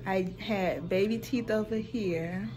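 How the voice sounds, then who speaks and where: A woman's voice: medium pitch, takes it slowly. A young woman vlogger talking casually and candidly with a finger at her mouth, in an orthodontist's office. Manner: chatty, candid, drawling. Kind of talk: casual vlog talk.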